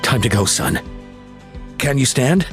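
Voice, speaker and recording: A caring older father in a dramatic video game scene. His mid-pitched voice is earnest, gentle and courteous, with music clearly audible behind it. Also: big pitch swings, a little slow. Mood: relieved, grateful.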